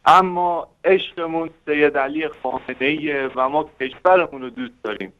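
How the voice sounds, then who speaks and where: A man's slightly high voice comes through a thin, tinny phone line as he calls in to a talk show. His phrasing is polite and formal. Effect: caller heard over a phone line. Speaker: caller. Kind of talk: call-in talk.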